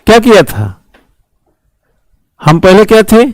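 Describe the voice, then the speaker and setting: A man's voice: sits high, very animated, slow, dry recording, poor audio. A man teaching a civil services exam class, lecturing emphatically with rhetorical questions and repeated phrases.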